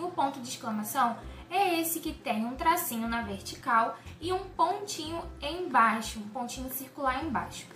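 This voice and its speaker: A woman's voice: high voice, fairly bright tone. A woman teacher giving a patient, explanatory online lesson and reading her examples aloud with emphasis. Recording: roomy echo, faint music.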